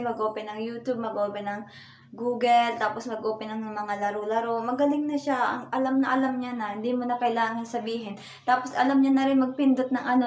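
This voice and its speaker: A Filipino woman vlogs casually from her home kitchen, rambling through a family video full of filler words. Her voice is on the high side and slightly mellow, and the echoey room adds noise to the recording.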